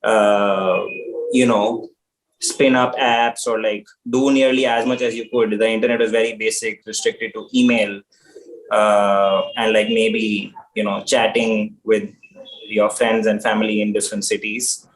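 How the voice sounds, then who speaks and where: A man in his thirties from India speaks with an Indian accent in a fairly low voice. He talks to students in a conversational, reflective way, as an invited guest. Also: little pitch movement, measured pace, poor audio. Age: 30s. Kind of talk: informal talk to students. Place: remote video call.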